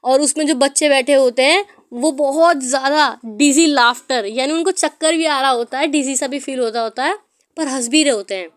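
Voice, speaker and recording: A woman's voice: high-pitched, moderate pace. A woman teacher explaining a story to her students, mixing in English words and calling them "beta".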